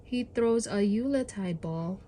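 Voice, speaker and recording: A woman with a medium-pitched voice reads aloud to young children as a storybook host, expressive, deliberate and encouraging. The recording has a little hiss or hum.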